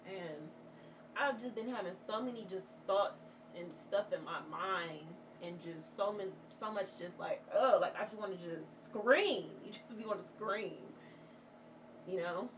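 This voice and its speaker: A woman's voice: medium pitch, a little slow. A woman vlogger chatting candidly while doing her makeup, rambling and heartfelt, swearing freely as she gives motivational talk. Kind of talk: casual get-ready-with-me chat. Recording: distant mic with clear background noise.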